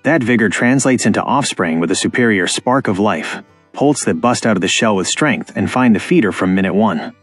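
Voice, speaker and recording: On a farming channel, a man narrates a scripted lesson about farm breeding with emphatic, instructive delivery. He speaks at normal speed in an expressive, slightly rough voice on the low side, with no room sound and faint background music in the close, dry recording.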